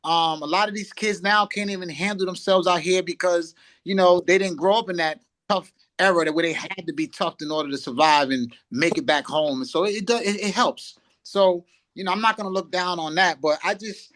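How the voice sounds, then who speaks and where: A man's voice: high-pitched, a little fast, a bit bright. A man hosting a casual podcast chat, emphatic and preachy, repeating himself for emphasis. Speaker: podcast host.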